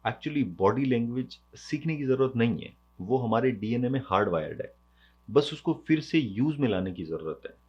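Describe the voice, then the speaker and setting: A man's voice: mid-range voice, expressive, moderate pace, breathy edge. A man hosting an educational video, explaining in a conversational way, mixing English terms into his speech and asking rhetorical questions. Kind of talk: explanatory lesson. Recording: dull lo-fi sound.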